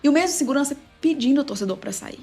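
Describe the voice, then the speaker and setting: Fast-talking woman, animated storyteller. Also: high-pitched, faint music behind. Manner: animated storytelling, quick and emphatic. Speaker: sports journalist and play-by-play narrator, guest. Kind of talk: casual interview chat.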